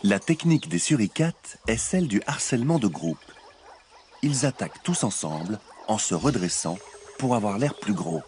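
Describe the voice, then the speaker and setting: A man delivering scripted nature documentary narration in a measured, expository storytelling way. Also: on the low side, big pitch swings, a little mellow, slight background noise. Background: music.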